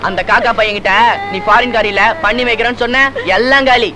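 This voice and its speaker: A taunting high-voiced brother. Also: male voice, steady tone, quick pace, rough recording. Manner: mocking, taunting.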